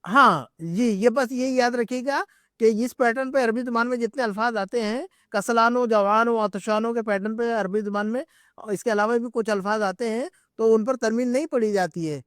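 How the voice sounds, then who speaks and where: A man with a notably high voice leads a live Arabic grammar class at an Islamic centre. He explains patiently and repeats himself, drilling each word slowly and stopping often to check the students are with him. The sound is close and dry, with almost no room echo. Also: fairly bright tone. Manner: patient, repetitive explaining with frequent checks for understanding. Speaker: Arabic teacher.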